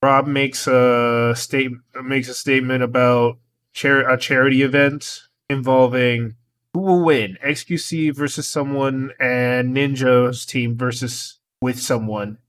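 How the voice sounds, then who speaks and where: A man's voice: mid-range voice, steady tone, slow, a bit bright. A man giving a casual, rambling commentary monologue about online drama, voicing his irritation. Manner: rambling, opinionated. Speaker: commentary YouTuber.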